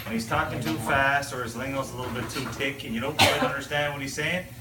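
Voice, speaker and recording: Teasing Newfoundland host in an echoey room. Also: male voice, mid-range voice, steady tone, fast. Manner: teasing, playful, drills the crowd. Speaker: host teaching visitors local sayings. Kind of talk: joking audience call-and-response lesson. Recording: echoey room from far off with loud noise.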